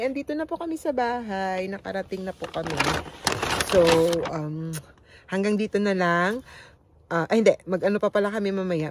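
A Filipina vlogger from the Philippines with an Ilonggo accent, chatting casually and teasing herself, switching between Filipino and English. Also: on the low side. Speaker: family vlogger. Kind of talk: casual vlog chat. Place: in a car and around town. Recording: car and street noise behind. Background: car and street noise.

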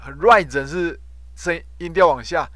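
A male professor teaching English word roots, loudly repeating each word to drill its pronunciation and tagging phrases with a short "ha". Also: on the high side, moderate pace. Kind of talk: classroom vocabulary lesson.

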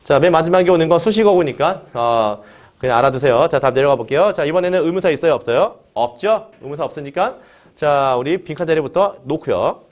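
A man teaching an English grammar lesson in Korean, opening nearly every phrase with "자" and drilling students with quick questions they answer back. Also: fairly high pitch, animated. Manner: drills students, has them repeat after him.

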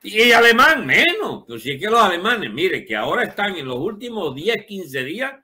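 Very animated and high-voiced, this Spanish-native man in his seventies speaks at a moderate pace with a pushed, bright tone. He's a political commentator riffing off the cuff with strong opinions, rhetorical questions and vivid phrasing.

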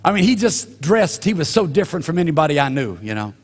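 An older male pastor tells a story from the pulpit, pausing often and slowing down to land each point. His voice sits a little high for a man. The sound carries the long, lingering reverb of a church sanctuary. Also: very animated. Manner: storytelling, drawn-out pauses, slows down for emphasis. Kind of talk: sermon.

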